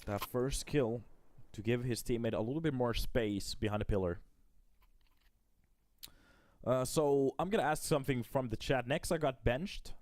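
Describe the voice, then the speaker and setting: A man's voice: mid-range voice, moderate pace, long pauses, darkish tone, no room sound. A man doing casual live esports commentary and chatting with his viewers. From Finland. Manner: casual, chatty, talks to chat between plays. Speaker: esports caster.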